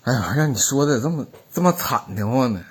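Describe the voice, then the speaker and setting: A man's voice: medium pitch, animated, brisk, husky. A man with a Northeastern Chinese accent chatting at home, teasing and questioning a child as she tells her story. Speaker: parent listening to a child's story. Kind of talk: casual home chat.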